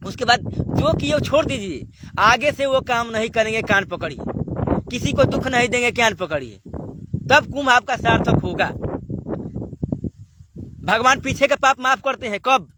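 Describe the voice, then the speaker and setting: A man's voice: extremely high pitch, background noise. A man giving a devotional sermon, exhorting listeners and firing off rhetorical questions. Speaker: spiritual preacher.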